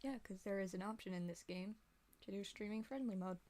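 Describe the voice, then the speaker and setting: A young adult woman chats her way through a game as the channel's host. She thinks aloud and drops quiet asides. Her voice sits in the middle range with a warm, mellow tone. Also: medium pitch, brisk. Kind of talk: casual gameplay commentary.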